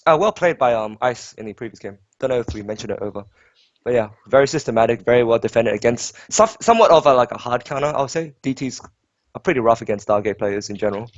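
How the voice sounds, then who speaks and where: A man doing casual live esports commentary, chatty and joking, quick to laugh. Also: medium pitch, lively intonation, dry recording. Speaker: esports caster. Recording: dull, slightly lo-fi, dry.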